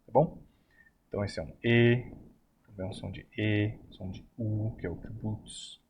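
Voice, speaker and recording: A man's voice: on the low side, steady tone, a little mellow. A man with a Brazilian Portuguese accent teaching an online lesson, patiently sounding out vowels one at a time. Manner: patient, repeats vowel sounds aloud slowly. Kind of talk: online lesson on Hebrew pronunciation. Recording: slightly dull lo-fi recording with faint noise.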